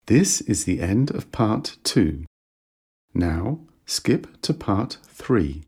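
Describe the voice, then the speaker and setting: A man with a very low, gravelly voice reads scripted exam instructions at an unhurried pace. The tone is dark and a little husky, and the pitch moves widely. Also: big pitch swings. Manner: slow, measured reading of instructions. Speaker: test announcer.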